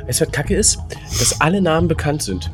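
A man's voice: a little high, very animated, brisk, soft background music. A man co-hosting a casual podcast, thinking aloud as a quiz contestant, rambling with lots of fillers and laughter.

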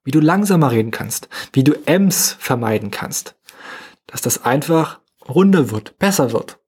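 A young man hosting a motivational solo podcast, talking fast and casually with slightly unclear, run-together speech. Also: medium pitch, lively intonation, a little mellow, breathy edge. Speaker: podcast host.

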